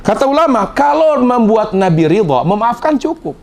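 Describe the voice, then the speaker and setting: A man preaching a sermon to a congregation, telling the story with emotion, his voice jumping up high and then fading to quiet endings. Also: sing-song, moderate pace, vocal fry. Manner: emotive storytelling with sudden swings in pitch and quiet trailing endings. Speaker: Islamic preacher. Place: lecture before a congregation.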